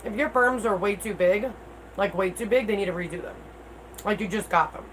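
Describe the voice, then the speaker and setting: A woman's voice: medium pitch, a little fast, a bit bright, rough recording. Toothless-sounding woman chatting over background noise. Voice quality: toothless-sounding speech, missing teeth. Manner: candid, informal, mild swearing. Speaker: livestream host. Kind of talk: casual livestream chat replying to viewers.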